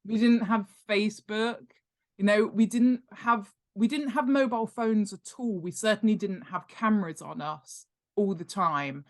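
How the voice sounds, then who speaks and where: Speaking at a normal speed with a medium-pitched voice, this middle-aged British woman is a podcast guest who writes books and specializes in world-building. Her explanations in the interview are conversational, and she repeats words to stress her points emphatically.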